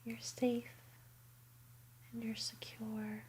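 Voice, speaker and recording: Slow, soothing whispering woman. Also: a little high, monotone, darkish tone, slight background noise, poor audio. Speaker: ASMR roleplay performer. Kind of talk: ASMR bedtime roleplay.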